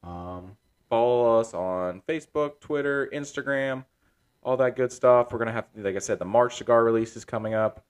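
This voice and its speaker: A man hosting a casual podcast from his cigar lounge, talking in a relaxed, rambling way with plenty of fillers. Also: medium pitch, moderate pace, smooth.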